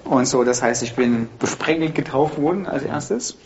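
A man's voice: medium pitch, normal speed, noisy background. Storytelling male pastor, slightly dull sound. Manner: lively storytelling, laughs easily. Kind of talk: casual discussion.

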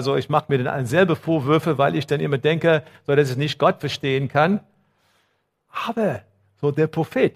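A male pastor giving a sermon, talking conversationally to the congregation with many fillers and growing emphatic on scripture passages. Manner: emphatic, rising in pitch and volume on quoted laments.

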